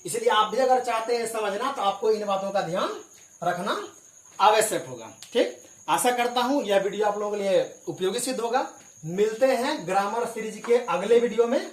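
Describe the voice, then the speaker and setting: A man's voice: high voice, lively intonation, normal speed. Hindi-speaking man teaching English, echoey room. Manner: explains patiently, spelling words out letter by letter; clears his throat now and then. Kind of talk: spoken classroom lesson. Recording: echoey room with crickets behind.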